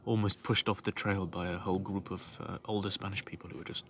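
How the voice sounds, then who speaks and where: A man hosting a podcast conversation outdoors, with a fairly low voice. He laughs often and keeps up a stream of short, warm replies as his guest talks. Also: flat delivery, a little hiss or hum. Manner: friendly, laughs often, quick encouraging replies. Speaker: podcast host. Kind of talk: casual interview. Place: outdoors on a walking trail.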